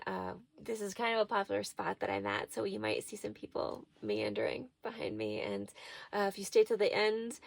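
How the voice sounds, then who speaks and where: Very creaky-voiced woman in a small trailer. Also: mid-range voice, no echo. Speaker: tarot reader and host. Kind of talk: casual spiritual check-in to viewers.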